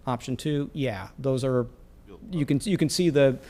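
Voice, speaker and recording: A man's voice: mid-range voice, unhurried, warm tone. Male city staffer explaining figures. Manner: explanatory, hedging, with fillers. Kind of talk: answering questions at a council meeting. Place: city council chamber.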